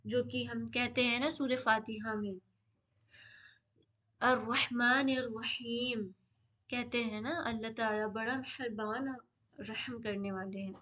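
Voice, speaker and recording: A woman teaching a dua lesson, explaining tajweed slowly and repeating each word for listeners to follow. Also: fairly high pitch, steady tone, sharp tone. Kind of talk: Islamic lesson with tajweed drills.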